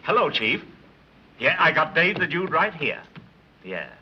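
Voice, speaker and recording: An actor playing a sarcastic police commissioner with a dry, mocking way of talking. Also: male voice, on the high side, very animated, unhurried. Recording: dull old 1930s film soundtrack, faint hiss.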